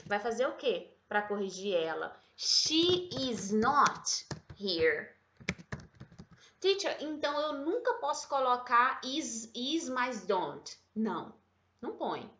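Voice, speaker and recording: A woman English teacher giving a chatty, affectionate online grammar lesson, slowing right down when she models English example sentences. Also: fairly high pitch, big pitch swings, a bit bright. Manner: chatty, affectionate, calls viewers "meu bem" and "gente". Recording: echoey room, slightly dull sound.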